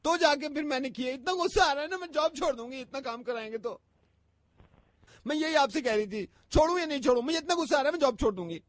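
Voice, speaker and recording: A woman's voice: sits high, fast talker, no room sound, natural voice. A woman on a prank call playing a tearful young woman who whines about her boss and repeats herself. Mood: whiny. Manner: whiny, sobbing, repeats herself. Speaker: prank caller.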